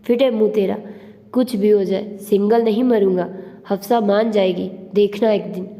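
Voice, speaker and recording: Woman voicing a bratty young guy mouthing off, mellow voice, a bit of reverb on it. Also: medium pitch, fairly even intonation, moderate pace, lightly acted. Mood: ranting. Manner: teasing, boastful banter. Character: brash joking young man, cheeky and loud.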